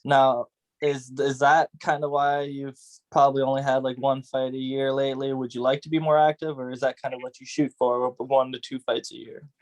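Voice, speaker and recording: A man's voice: mid-range voice, flat delivery, moderate pace, a little mellow, rough recording. A man hosting a casual interview, asking questions with laid-back, brief affirmations. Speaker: interviewer, host.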